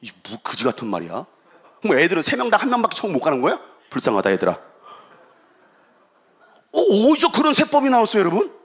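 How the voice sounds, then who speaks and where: A middle-aged man preaching a revival sermon as guest pastor, swinging between loud shouting and quiet asides and acting out quoted voices. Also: high-pitched, huge pitch swings, rapid-fire, breathy edge.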